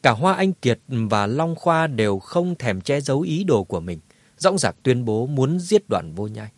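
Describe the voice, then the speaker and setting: A man narrating a martial arts novel in a dramatic, lively telling. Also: medium pitch, a little slow, no room sound. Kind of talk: scripted audiobook narration.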